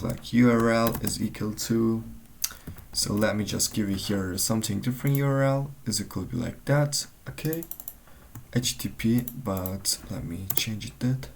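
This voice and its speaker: A man's voice: fairly low pitch, slight background noise. A man in a coding walkthrough, thinking aloud and searching for words, often trailing off mid-sentence. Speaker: tutorial maker.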